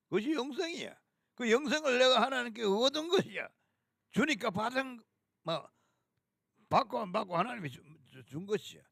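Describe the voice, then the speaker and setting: A man's voice: medium pitch, creaky, a bit bright, dry recording, studio quality. A man preaching a fiery sermon, scolding harshly and hurling coarse insults. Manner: sings a hymn slowly.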